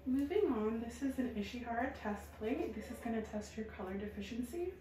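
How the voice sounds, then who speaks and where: A woman doing a soft-spoken ASMR role-play as a medical examiner, calm, reassuring and procedural. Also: fairly high pitch, brisk. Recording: roomy echo, faint background noise.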